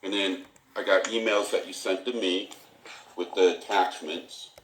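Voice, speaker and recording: A man conducting a formal investigative interview in a halting, procedural, repetitive way, captured on a tape recorder in a room. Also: sits low, fairly even intonation, a bit bright, roomy sound, a little hiss or hum, low-quality recording. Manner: halting, procedural, repeats himself. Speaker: police internal affairs interviewer. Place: indoor room.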